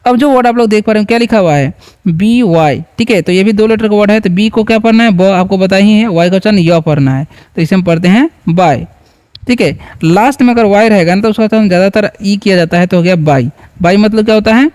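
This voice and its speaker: A man's voice: high voice, fast talker, a little mellow, clear, resonant tone. A man from India teaching beginners to read English, patient and repetitive, often quizzing the viewer. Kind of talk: spoken lesson.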